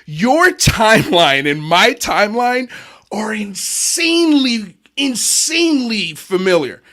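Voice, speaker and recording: This is a man hosting a podcast livestream, easygoing and talkative, laughing often. His voice sits high for a man and has a bright, forward tone. He is from Miami. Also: big pitch swings, slow. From Miami, USA. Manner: laid-back, says "dude" often, laughs easily. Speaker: podcast host. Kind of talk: casual livestream chat.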